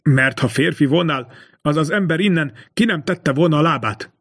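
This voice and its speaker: A man voicing a greedy, feverish innkeeper's wife who speaks hoarsely and taunts her husband in an audiobook. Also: low-pitched. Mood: taunting. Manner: taunting, needling.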